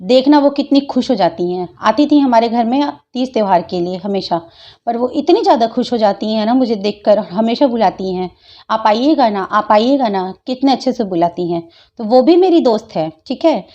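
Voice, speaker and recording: A woman's voice: fairly high pitch, lively intonation, normal speed, dark tone, dull audio. A woman, taunting and scolding a critic in a home vlog reply.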